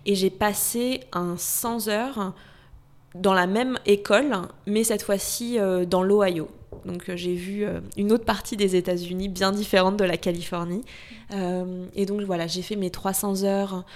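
A woman guest, a yoga teacher, explains her path in a relaxed, chatty way. She hesitates often, restarting phrases and leaning on fillers as she thinks aloud, at a mid pitch. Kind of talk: casual conversational interview.

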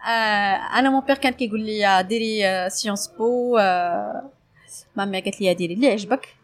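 The speaker is a woman sports journalist being interviewed, talking casually about her own story with a Moroccan Arabic accent. Her medium-pitched voice moves fast, and she drops French phrases in along the way.

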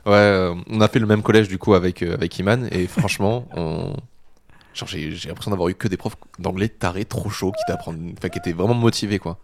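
A man's voice: low voice, a little fast, a little hiss or hum. A young man in a casual chat, joking around, laughing often, and speaking in slang.

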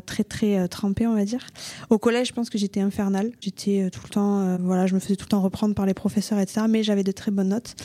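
A woman's voice: mid-range voice, warm tone, no echo. A young woman from Toulouse with a Toulouse accent, a guest in an interview, talking frankly with many fillers in a coworking space. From Toulouse, France. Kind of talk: conversational interview.

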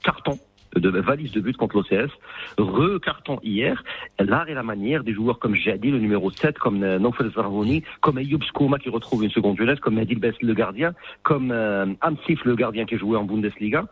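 A man's voice: on the low side, moderate pace, breathy edge, no room sound. A man giving football analysis on a radio show over the phone, emphatic and full of hesitations. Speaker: football pundit. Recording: tinny phone line.

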